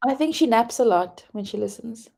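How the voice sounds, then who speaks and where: Brief: female podcast co-host, warm gravelly tone, animated casual chat. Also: on the high side, moderate pace, a little hiss or hum. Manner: chatty, animated, laughs often.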